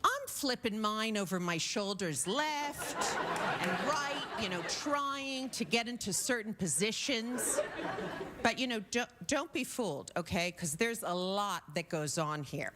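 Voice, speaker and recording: A woman's voice: mid-range voice, lively intonation, a little slow, a loud crowd. A woman doing a stand-up comedy set on a TV studio stage. She talks in a chatty way, with lots of "um"s and "okay?" tags. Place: TV studio stage before a live audience. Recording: loud noise over the voice.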